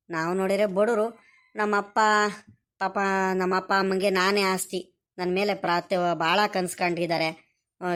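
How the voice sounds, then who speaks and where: A woman voicing a poor, dutiful young male farm boy in a village cartoon, explaining things softly and pleadingly in a rural Karnataka Kannada accent. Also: on the low side, lightly acted. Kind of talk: animated cartoon voice acting.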